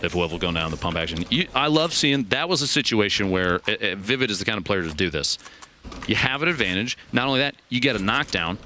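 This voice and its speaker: A man's voice: lowish voice, lively intonation, fast, sharp tone, slight background noise. A man giving live game commentary as a caster, joking and analytical. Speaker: esports caster. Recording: cheering crowd and game gunfire behind.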